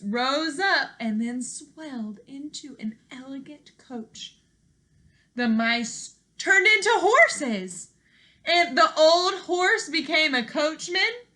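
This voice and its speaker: In a living room at home, a young woman with a high voice reads a children's storybook aloud as a teacher would, expressively and with deliberate emphasis.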